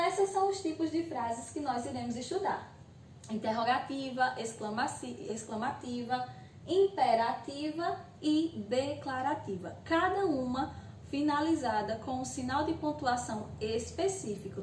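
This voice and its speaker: Speaking a little slowly in a high voice, a Brazilian-accented teacher records a video lesson for eighth graders. Her explanations are patient, she keeps asking "ok?", and she poses the students' questions in her own voice. Slight background noise, an echoey room, and some distance from the mic mark the recording.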